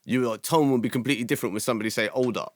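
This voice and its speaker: A man and father chatting casually on a podcast, rambling and excitable, often restarting his sentences. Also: medium pitch, very fast, dry recording. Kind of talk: casual group chat.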